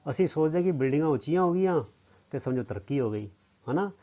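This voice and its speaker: A man's voice: on the high side, expressive, fast talker, mellow. A man with a Punjabi accent, a teacher explaining a lesson to children word by word and asking them questions, on a slightly dull lo-fi recording.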